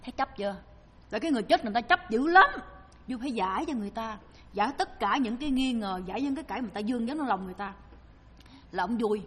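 Woman, Southern Vietnamese accent, dharma talk, lively storyteller, raspy, long hall echo. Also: on the high side. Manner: lively storyteller, acting out the people she quotes. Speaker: Buddhist dharma speaker.

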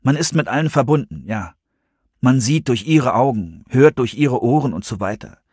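A man's voice: medium pitch, expressive, moderate pace, a little mellow, husky, no echo, studio quality. A man reading an audiobook, voicing a troubled teenage boy who halts and searches for words. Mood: searching.

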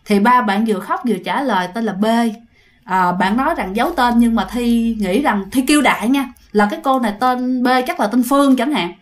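A woman narrates a ghost story in a relaxed, chatty way. She talks straight to her listeners as she goes. Her voice sits fairly high for a woman. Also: brisk, hardly any pauses. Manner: chatty, addresses listeners directly. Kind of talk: casual storytelling.

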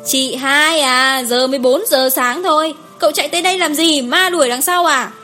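Lady putting on a grumpy half-asleep girlfriend, blunt then soothing, highish voice, soft music behind. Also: a little fast. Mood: grumbling. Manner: brusque, complaining, placating. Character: blunt sleepy young woman friend, grumbling.

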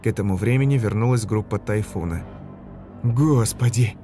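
A man reading a story aloud in an even, measured narration. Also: fairly low pitch, faint music behind. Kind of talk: audiobook narration.

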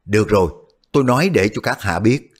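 A man's voice: on the low side, expressive, brisk, husky. A man doing a crafty, polite fat swordsman. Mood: courteous. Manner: polite, formal pleading. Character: fat, outwardly gentle but crafty male martial artist.

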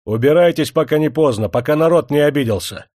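A man's voice: medium pitch, big pitch swings, a little slow, a little mellow, no room sound, studio quality, voice pushed up. A man voicing a stern factory worker who firmly stands up to a general. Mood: firm defiance. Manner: restrained, firm, threatening. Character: burly defiant factory worker, steady and stern.

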